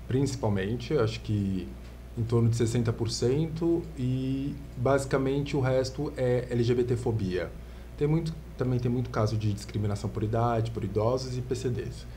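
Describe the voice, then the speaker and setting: A man from Santos with a Brazilian Portuguese accent, a lawyer explaining his field in calm, measured terms as a podcast guest. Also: mid-range voice, a little hiss or hum. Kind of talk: podcast interview. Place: podcast studio.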